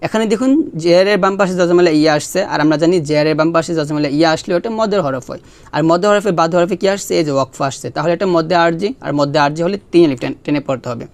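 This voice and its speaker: A man teaching Quran pronunciation, spelling out letters one by one and stretching the recited words in a long chant. He explains the rules quickly and asks listeners to repeat after him. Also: fairly high pitch.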